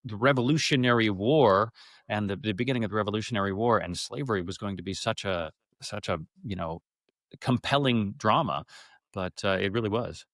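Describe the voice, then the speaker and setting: Speaking fairly low and a touch quickly, a male actor guesting on an interview spins digressive, animated stories in a relaxed manner, often tripping over repeated words. It's a studio-quality recording with no room sound.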